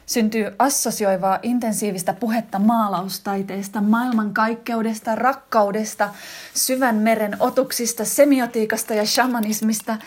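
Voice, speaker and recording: A woman's voice: on the high side, close to an everyday voice. An actress as a wistful wife writing to her husband. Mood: reflective. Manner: intimate, reflective, growing more heightened and excited. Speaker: actress reading a letter monologue. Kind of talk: radio drama monologue.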